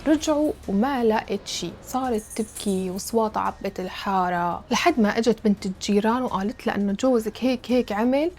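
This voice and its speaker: A woman storyteller, narrating a true story in a rapid, dramatic retelling. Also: mid-range voice, darkish tone, a little hiss or hum.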